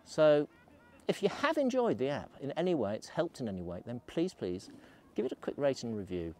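A man's voice: medium pitch, big pitch swings, fairly quick, mellow, a little hiss or hum. A middle-aged man, vlogging in a chatty, rambling way while out on a snowy ski slope, filming himself at arm's length. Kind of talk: casual vlog while skiing. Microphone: selfie camera at arm's length.

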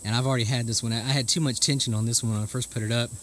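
Racing through a plainspoken, folksy how-to explanation, a homesteader speaks in a mid-range, steady, fairly bright voice. The casual demonstration takes place in a rural yard and is recorded on a handheld camera or phone mic, with insects chirping in the outdoor ambience.

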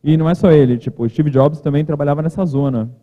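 A man speaks casually from a podium, his slightly high voice ringing out in a big reverberant hall. The sound is thin and narrow, almost like a phone line. He talks in a loose, informal way with joking asides. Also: quick pace. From Brazil. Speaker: conference keynote speaker. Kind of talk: casual conference talk. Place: large conference hall, at a podium.

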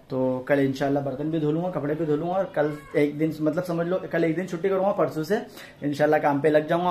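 A man's voice: on the high side, slight background noise. A man, talking loosely and casually as a vlogger into a handheld phone. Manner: chatty, loose and conversational. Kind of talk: casual vlog narration.

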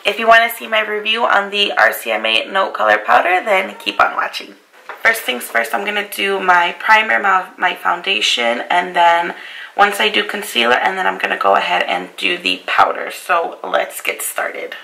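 A young beauty vlogger at her bedroom vanity chats to the camera about her makeup routine, her voice hoarse and raspy from a cold. It has a deep, gravelly fry but stays bright, forward, and sing-song at a moderate pace, and she keeps apologizing for how she sounds. The low-quality recording carries a slight hiss or hum.

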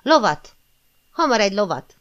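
A woman's voice: lowish voice, expressive, a bit bright, dull audio. A woman voicing a fervent young female army leader, giving her lines in raised, urgent calls. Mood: urgent commanding.

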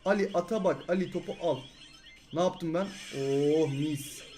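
A young man hosting a gaming channel, giving excited live commentary, shouting at teammates and repeating words rapidly. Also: on the high side, a little hiss or hum.

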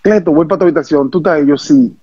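A former baseball pitcher from the Dominican Republic with a Dominican accent, telling stories in an interview, animated and repeating himself, acting out quotes. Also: male voice, quick pace, slightly rough, dry recording, highs cut off. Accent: Dominican Spanish. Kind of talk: interview storytelling.

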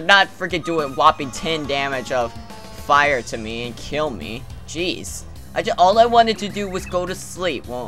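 Brief: young male let's player, sarcastic, animated pitch, faint game music behind. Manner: joking, sarcastic, rambling. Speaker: let's play commentator. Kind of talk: game commentary.

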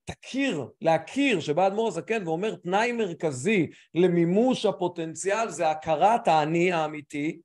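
A man's voice: high-pitched, lively intonation, few pauses, darkish tone. A man hosting a live online talk as a mental coach, speaking animatedly with frequent restarts and emphatic repetition.

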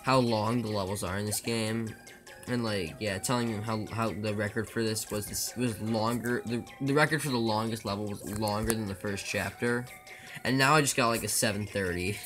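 A man's voice: on the low side, steady tone, moderate pace, music in the background. A man chatting casually with his viewers during a live speedrun stream, joking and rambling with stammered restarts.

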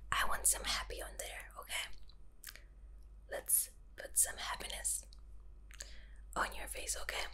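A young woman in a whispered role-play, speaking in soft, tingly ASMR whispers with mouth sounds, close to the mic. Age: young adult. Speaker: ASMR creator painting the listener's face. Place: small indoor room.

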